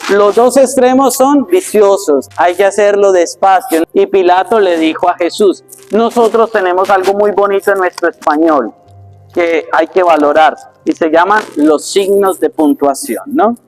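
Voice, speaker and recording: A priest, teaching a workshop for church readers and often checking in with rhetorical questions. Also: male voice, high-pitched, a little slow, soft background music. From Colombia. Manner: explanatory, asks the audience rhetorical questions.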